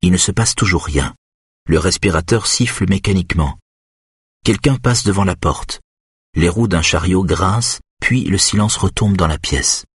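A man narrating a tense hospital scene in a steady, measured audiobook reading. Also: sits low, husky, dry recording, studio quality. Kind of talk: scripted narration.

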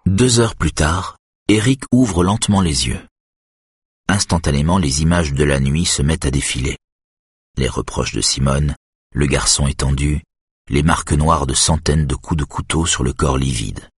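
A man doing measured, scripted audiobook narration of a thriller. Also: rumbling low, breathy edge, no room sound, clean studio sound.

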